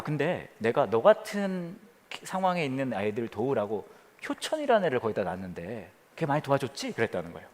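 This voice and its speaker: A man preaching as a pastor, telling a story with quoted voices and dropping to a hush near the prayer. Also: medium pitch, big-room sound. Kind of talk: sermon. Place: church during the pandemic.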